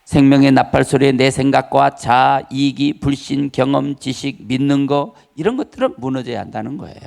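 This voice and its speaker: A man's voice: mid-range voice, normal speed, gravelly, a little mellow. A male pastor preaching an emphatic Sunday sermon in a church, repeating key phrases and calling for the congregation's response. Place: church sanctuary.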